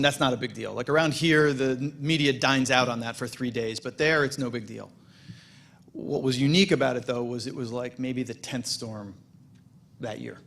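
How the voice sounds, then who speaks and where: A man, the president of a congregation, giving a relaxed welcome speech with self-deprecating jokes and frequent restarts. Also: medium pitch, gravelly. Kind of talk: welcome speech at a holiday service. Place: synagogue sanctuary.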